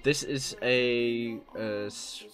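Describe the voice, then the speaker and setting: The streamer, a Dutch man with a Dutch accent, has a mid-range voice and a steady tone, and he talks extremely slowly. Rambling through fillers and restarts, he chats casually as he live-streams a game. A cheap USB mic captures him, with soft music underneath.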